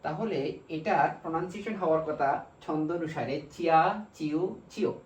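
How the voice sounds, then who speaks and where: A man with a Bangladeshi Bengali accent teaching a language lesson, slowly drilling syllables one by one. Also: a little high. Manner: slow, repetitive drilling of syllables. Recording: echoey room, mic far off.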